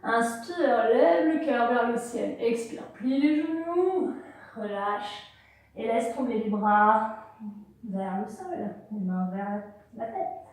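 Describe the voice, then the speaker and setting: Woman guiding yoga in an echoey room. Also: fairly high pitch. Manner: slow, calm breath cues, mixing tu and vous. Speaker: yoga teacher. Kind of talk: guided movement class. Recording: very echoey room, far from the mic.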